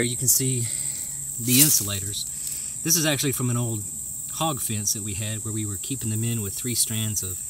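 In a rural yard, a homesteader gives a how-to demonstration, explaining things in a casual, plainspoken, folksy way. His voice is lowish and a bit bright, recorded outdoors on a handheld camera or phone mic with ambient noise and chirping insects around him.

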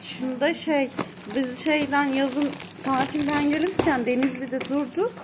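A woman's voice: steady tone, a little slow, noisy background. A young woman chatting casually in a family vlog, slipping into cooing baby talk. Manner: cooing baby talk with sudden high squeals. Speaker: vlogger.

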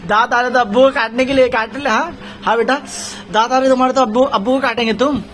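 Talking fast with extremely high pitch, fairly even intonation, and a fairly bright tone, a young family vlogger playfully teases his baby son in a casual chat. It's captured on a noisy phone in a small home during rain.

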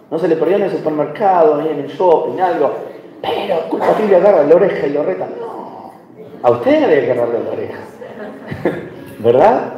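Man, Argentine accent, pastor's sermon, storytelling with humor, high voice, distant echoey church hall. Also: warm tone. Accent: Argentine Spanish. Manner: storytelling preacher, asks the congregation questions, light humor. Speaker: visiting pastor.

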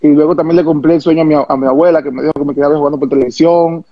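A former baseball pitcher from the Dominican Republic with a Dominican accent, telling stories in an interview, animated and repeating himself, acting out quotes. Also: male voice, very fast, no echo, dull audio. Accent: Dominican Spanish. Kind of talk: interview storytelling.

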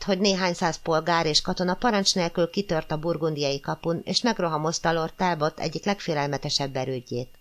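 Low-pitched woman reading an audiobook, calm measured storytelling. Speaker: audiobook reader. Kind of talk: scripted narration of a classic novel.

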